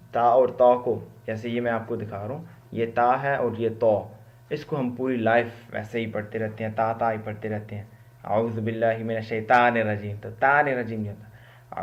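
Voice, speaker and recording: Man teaching letter sounds, dull recording. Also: medium pitch. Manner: explanatory, repeats sounds to demonstrate, mixes in English words. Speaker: Quran teacher. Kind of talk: spoken lesson on Arabic letter pronunciation.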